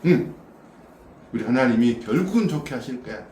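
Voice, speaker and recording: A man's voice: mid-range voice, animated, a little fast, dark tone. A male pastor giving a casual sermon to a small congregation, chatty, questioning his listeners and often laughing. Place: small church room. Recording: roomy echo from a distant mic with faint background noise.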